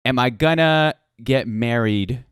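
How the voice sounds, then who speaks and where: A man in his late twenties hosting a casual livestream interview in a playful, animated way, repeating phrases for emphasis, close on the microphone. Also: mid-range voice, slow, smooth, no echo. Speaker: interview show host. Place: small room at home. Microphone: close boom microphone with headset.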